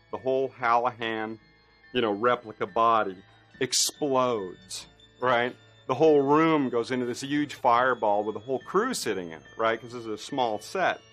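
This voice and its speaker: A special effects artist telling a behind-the-scenes anecdote in a documentary interview, rambling with many fillers and restarts. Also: male voice, medium pitch, a bit bright.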